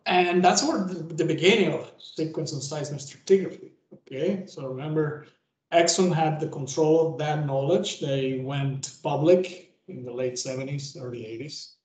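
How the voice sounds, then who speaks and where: A man's voice: a little high, moderate pace. A man, giving a conversational guest lecture over a video call, often restarting phrases and checking in with "okay?". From Venezuela. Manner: rambling, with frequent self-restarts and tag "okay?". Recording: roomy echo.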